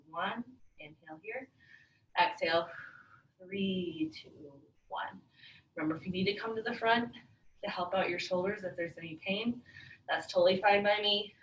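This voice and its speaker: A woman's voice: medium pitch, fairly bright tone. A woman leading a workout as an aerobics instructor, calling counts, breathing and posture cues in short, encouraging commands. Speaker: fitness class instructor. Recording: roomy echo, far from mic, faint noise.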